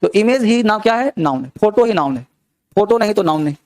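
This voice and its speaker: A man's voice: high-pitched, animated, quick pace, darkish tone, dry recording, studio quality. A young man teaching an English grammar class, explaining step by step and asking the students many rhetorical questions. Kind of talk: classroom lesson.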